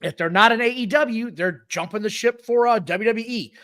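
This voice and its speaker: A man co-hosting a podcast, talking in an animated, opinionated way in casual chat. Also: high voice, moderate pace. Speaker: podcast co-host.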